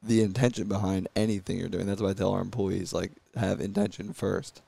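A man in his thirties chatting on a podcast in a very deep, gravelly, dark voice. He talks fast and trips over quick restarts, recorded dry and close. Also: no echo. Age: 30s. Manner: energetic, stumbling restarts, swears casually. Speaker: podcast guest, brand co-founder. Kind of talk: casual podcast chat.

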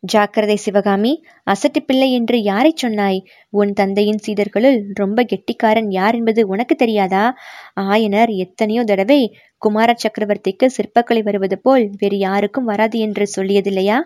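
A woman's voice: medium pitch, fairly even intonation, moderate pace, a little mellow, no echo, lightly acted. A woman voicing a playful young royal prince in an audiobook reading, bantering and scolding by turns. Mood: teasing.

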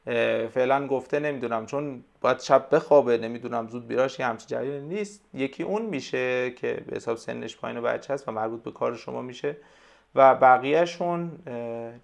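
Gravelly-voiced man explaining hesitantly. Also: mid-range voice. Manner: hesitant, explanatory, frequent pauses and fillers. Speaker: language tutor, podcast guest. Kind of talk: casual conversational interview.

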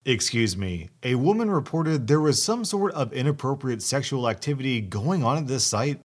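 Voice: medium pitch, animated, normal speed, close to an everyday voice. A narrator voicing a polite, matter-of-fact park ranger. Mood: businesslike. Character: calm, officious park ranger.

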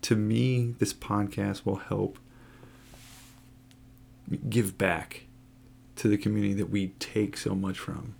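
A man's voice: fairly low pitch, fairly even intonation, takes it slowly, vocal fry, long pauses, a little mellow, a little hiss or hum. A man, co-hosting a casual podcast and joking around teasingly. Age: 40s. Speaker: podcast co-host.

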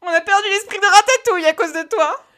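A woman reading aloud and voicing a childish, excitable young man who wails and squeals. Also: fast talker. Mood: shrill panicked. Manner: shrill, wailing, overexcited.

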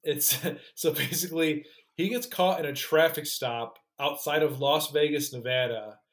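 A man's voice: on the high side, measured pace, a bit bright. A man co-hosting a podcast in casual chat, recapping a story animatedly and swearing now and then.

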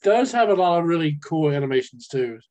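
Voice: mid-range voice, big pitch swings, brisk, a little mellow. A person chatting casually while gaming, heard over a speakerphone, often trailing off mid-sentence. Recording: dull lo-fi speakerphone sound.

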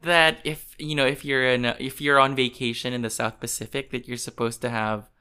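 A man hosting a relaxed food podcast, his voice bright and forward. He keeps things playful, laughs easily and slips into reading recipe blurbs. Mid-pitched, chatty delivery. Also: a little fast, clear, resonant tone. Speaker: podcast host. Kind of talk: casual chat.

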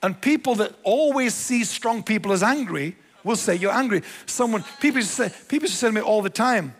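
High-voiced preacher man in a reverberant hall. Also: lively intonation, fairly quick. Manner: emphatic, repeats key phrases. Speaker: pastor. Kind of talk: sermon.

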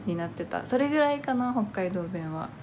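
A woman's voice: mid-range voice, expressive, brisk, background noise. A woman in her thirties from Hokkaido with a light Hokkaido accent, co-hosting a podcast in rambling, giggly casual chat. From Hokkaido, Japan. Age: 30s. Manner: chatty, giggly, rambling with fillers. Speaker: podcast co-host.

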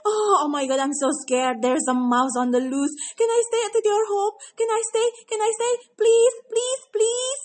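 A woman's voice: very high-pitched, moderate pace, hardly any pauses. A woman voicing a timid, easily frightened young elephant in a children's story. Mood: pleading. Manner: easily frightened, gasping and pleading. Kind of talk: storybook character voice.

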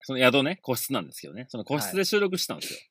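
A man with a Kansai accent chats on a casual podcast, his voice bright and lively as he rushes through a funny story, laughing often. The sound is dry and close, recorded from inside a parked car. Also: medium pitch, husky, dry recording. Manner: quick, animated storytelling with frequent laughter. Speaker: podcast co-host. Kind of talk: casual chat.

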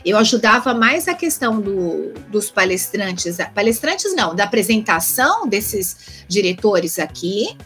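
A woman's voice: medium pitch, sing-song, unhurried, few pauses, fairly bright tone, faint music behind. A woman with a Brazilian Portuguese accent, a conference interpreter chatting casually as an interview guest, rambling through lists and restarts.

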